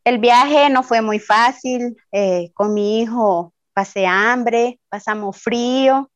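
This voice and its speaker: A woman from El Salvador with a Salvadoran accent, giving a slow, hesitant personal testimony as a migrant, with many fillers. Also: on the high side, no room sound, muffled recording. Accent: Salvadoran Spanish. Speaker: interviewee, migrant. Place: Ciudad Juárez.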